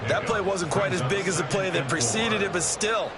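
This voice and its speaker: A man's voice: high-pitched, moderate pace, over a noisy crowd, lightly acted. A man giving conversational, explanatory football color commentary as a broadcast analyst.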